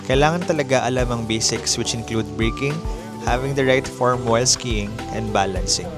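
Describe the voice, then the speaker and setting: A man's voice: mid-range voice, a little fast. Filipino man narrating a travel vlog. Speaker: travel vlogger. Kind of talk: scripted voice-over narration mixing Tagalog and English. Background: music bed.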